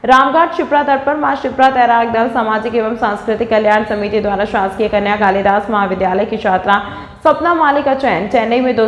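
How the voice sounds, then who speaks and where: A woman reading a local news bulletin as a voice-over, steady and formal. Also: mid-range voice, a little hiss or hum. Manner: steady read. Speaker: news reader. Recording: echoey room with long reverb.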